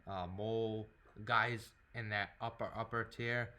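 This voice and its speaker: A man hosting a podcast in casual chat, easygoing and quick to agree, with many fillers. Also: fairly low pitch, flat delivery, pushed and bright. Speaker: podcast host.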